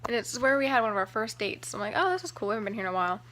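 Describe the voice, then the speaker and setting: A young woman vlogger telling a personal story to camera in a chatty, excited way, full of "like" and "um". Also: medium pitch, very fast. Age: young adult. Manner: chatty, excited, heavy use of "like" and "um".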